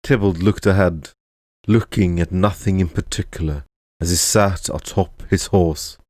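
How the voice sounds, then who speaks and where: A man tells a fantasy storybook tale in a very deep voice, taking his time with each line. His delivery stays measured and even. The recording is dry and close. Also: no echo. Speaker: narrator and voice actor.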